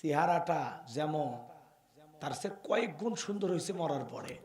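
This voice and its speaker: Impassioned high-voiced man preaching. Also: expressive, normal speed, crowd noise. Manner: chanting, rising to impassioned shouts, calls for audience responses. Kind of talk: sermon.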